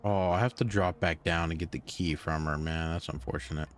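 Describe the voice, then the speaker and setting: A tired young man with a low, fairly even voice talks fairly quickly while streaming a video game, yawning as he goes. His casual commentary rambles, with plenty of fillers and restarts.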